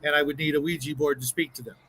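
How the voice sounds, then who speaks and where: A man's voice: a little high, steady tone, rapid-fire, fairly bright tone, poor audio. A man chatting on a live stream who stammers and repeats his words as he goes. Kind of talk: casual chat on a live stream.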